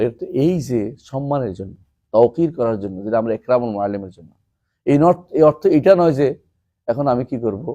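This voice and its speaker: A man, teaching a classroom lesson, asking his students questions and reciting Arabic verses slowly. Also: mid-range voice, dark tone. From Bangladesh. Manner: asks students questions and explains term by term. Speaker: teacher of an Islamic text class.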